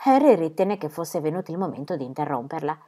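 A woman narrating a novel as an audiobook reader, with a measured, expressive delivery. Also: sits low. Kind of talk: scripted literary narration.

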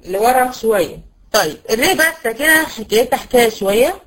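A woman with an Egyptian Arabic accent teaching a tajweed lesson. She poses questions and answers them herself, and drills sounds slowly and patiently. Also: fairly high pitch, lively intonation, a bit bright, low-quality recording. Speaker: Quran recitation teacher.

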